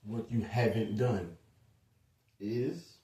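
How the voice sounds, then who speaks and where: The speaker is a man with a lowish, warm voice who talks extremely slowly through a short, casual lecture, rambling with asides and fillers. Distant from the mic, he sounds roomy and echoey.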